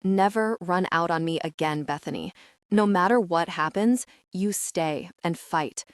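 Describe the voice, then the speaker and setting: A woman's voice: fairly low pitch, a little slow, no echo, studio quality, close to an everyday voice. A woman voicing an intense, protective, dominant billionaire man who speaks tenderly and earnestly. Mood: insistent.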